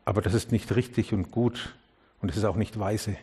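A man's voice: steady tone, normal speed, slightly rough. A man preaching a sermon to his congregation, asking questions earnestly and speaking to them directly. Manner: drops low and quiet on key words, rises when urging. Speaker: pastor.

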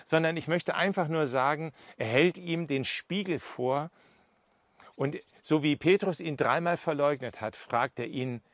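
A man's voice: a little high, unhurried, fairly bright tone, dry recording. A male preacher giving a sermon, retelling Bible scenes with emphatic storytelling.

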